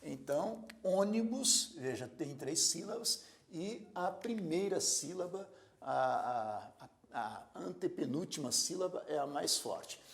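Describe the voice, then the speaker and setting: A man teaching a grammar lesson, slowly stressing the syllables of example words. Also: on the high side, lively intonation, vocal fry. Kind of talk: recorded lecture.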